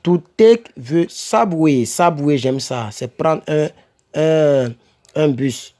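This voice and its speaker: A man's voice: a little high, slow pace, mellow. A man giving a casual home-made English vocabulary lesson, repeating words and checking in with "ok?" and "n'est-ce pas?", correcting himself as he goes. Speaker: English teacher for French speakers.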